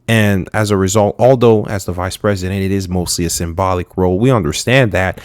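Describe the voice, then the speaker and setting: A young man from Haiti giving frank, halting political commentary, with many fillers and restarts. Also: fairly low pitch, no room sound, clean studio sound. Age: young adult.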